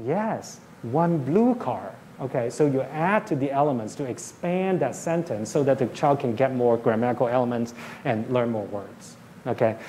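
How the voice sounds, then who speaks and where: A man's voice: medium pitch, darkish tone. Man, public lecture, explanatory, frequent "okay?", faint background noise. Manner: explains plainly, often checks in with "okay?". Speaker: professor giving a public lecture. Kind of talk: university public talk. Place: lecture hall.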